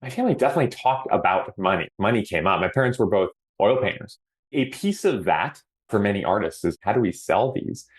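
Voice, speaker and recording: A man's voice: on the low side, expressive. A middle-aged man from Hawaii, a podcast guest telling his story in an earnest, reflective way. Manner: earnest and reflective, often slows down to stress words. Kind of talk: casual interview answers.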